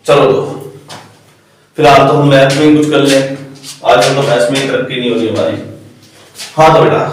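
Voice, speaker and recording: A man teaching maths at a board, who calls his students "beta" and slows right down to dictate each formula. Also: a little high. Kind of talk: blackboard lesson, coaching tone. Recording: echoey room, distant mic.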